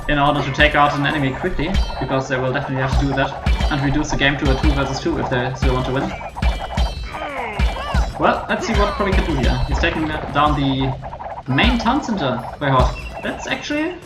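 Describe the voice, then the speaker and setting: German guy casting a game live, kinda hesitant chatty delivery, roomy sound, music playing behind him. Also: fairly high pitch. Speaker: streamer and game caster. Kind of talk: live esports commentary.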